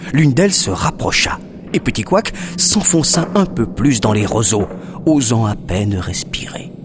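A man narrating a children's story expressively, dropping to a hush at suspenseful moments. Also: on the low side.

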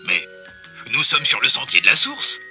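A man's voice: fairly low pitch, wildly swooping pitch, normal speed, soft background music, heavily acted. A man playing Bébert, an eager, bold pig. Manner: loud, enthusiastic, bossy. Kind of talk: storybook reading.

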